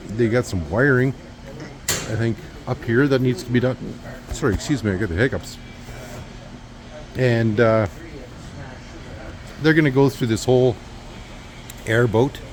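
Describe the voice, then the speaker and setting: A man's voice: fairly low pitch, darkish tone. A man giving a casual walkthrough of a repair shop, rambling with lots of uhs and restarts. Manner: rambling, filler-heavy, with restarts. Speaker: vlogger giving a shop update.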